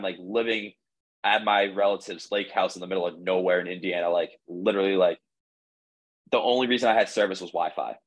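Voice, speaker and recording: A man's voice: on the low side, a bit bright, rough recording. A man in his twenties, a podcast guest telling his story in a casual, rambling way, full of "like" and restarts. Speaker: podcast guest, baseball pitcher.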